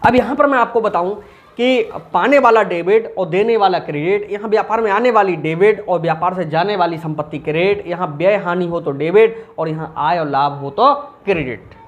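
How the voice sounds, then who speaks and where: In an informal recorded commerce lesson, a man with a high-pitched voice speaks at a moderate pace, posing questions and then answering them himself. His delivery is animated, and the recording has its highs cut off.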